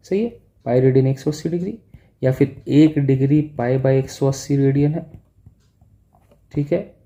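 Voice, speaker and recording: Guy teaching physics, deep dark sound, talks straight to the kids, keeps asking "got it?". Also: dull audio. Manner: explains step by step, repeating "ठीक है" to check in; speaks directly to students as "बच्चों" and "भाई". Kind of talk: classroom lecture.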